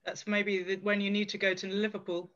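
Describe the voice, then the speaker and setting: A man's voice: sits high, little pitch movement, a little fast, fairly bright tone. A man chairing an academic panel on a video call, reading out audience questions in an informal, self-deprecating way. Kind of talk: moderating a panel. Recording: dull lo-fi sound.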